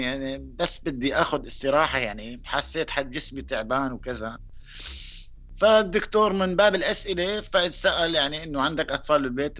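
A man from Syria with a Syrian accent, giving a personal testimony in a halting way, with frequent pauses and restarts. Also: mid-range voice, bright, forceful tone, highs cut off. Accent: Syrian Arabic. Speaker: interviewee.

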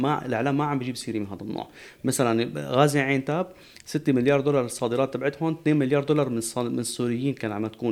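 A man's voice: mid-range voice, a little mellow. A man, a guest expert on a talk show, explaining at length with frequent restarts.

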